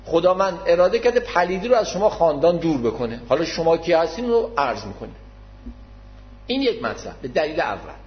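Fairly high-voiced man lecturing patiently. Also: big pitch swings. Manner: patient, repeats key terms; modest, addresses listeners formally. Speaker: religious lecturer. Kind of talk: explanatory religious lecture. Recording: dull lo-fi recording.

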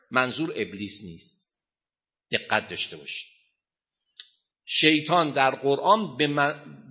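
A male religious teacher lecturing a class with emphasis, pausing to quiz listeners and tell them what to write down. His voice is bright and forceful, and he breaks into chanted scripture in Arabic. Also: mid-range voice. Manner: emphatic, quizzes listeners and dictates notes.

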